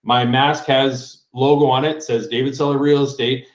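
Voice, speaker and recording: A man's voice: medium pitch, little pitch movement, moderate pace, roomy sound, low-quality recording. A man sharing a casual, rambling story with a group, chatty and talkative. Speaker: real estate agent. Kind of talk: casual anecdote on a group call.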